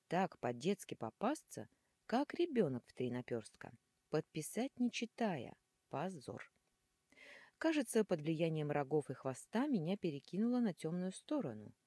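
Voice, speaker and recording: Husky, animated woman narrating an audiobook. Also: fairly low pitch, no echo, studio quality. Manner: animated, dramatic, shifting into hissing whispers. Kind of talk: expressive first-person fantasy audiobook narration.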